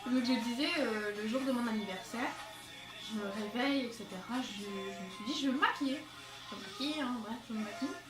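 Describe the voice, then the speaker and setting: A young woman with a voice on the high side rambles to her phone camera in her bedroom, which has a skylight. As a beauty vlogger chatting casually, she's a bit out of breath and uses many fillers; the phone is held away without a tripod, giving a distant, echoey sound with music behind.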